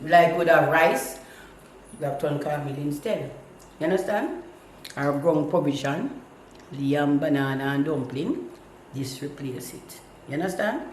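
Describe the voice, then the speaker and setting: A Jamaican man with a high, lively voice, teasing and joking as he judges a cooking contest. The sound bounces around a very echoey room with a faint hiss underneath. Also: measured pace. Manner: animated, teasing, breaks into laughs. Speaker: food judge. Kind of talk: casual chat.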